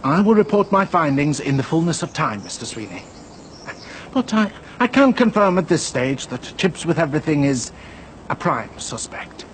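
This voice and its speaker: A man's voice: a little high, sing-song, moderate pace, a little hiss or hum. A man playing a pompous, officious inspector in a soap drama, speaking in formal, precise, long-winded phrases. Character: pompous, pedantic male inspector, primly officious.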